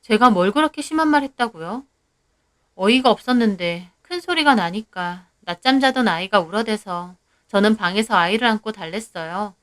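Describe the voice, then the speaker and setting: A woman's voice: medium pitch, animated, normal speed, fairly bright tone. A woman narrating a scripted first-person story in a plain-spoken, indignant way.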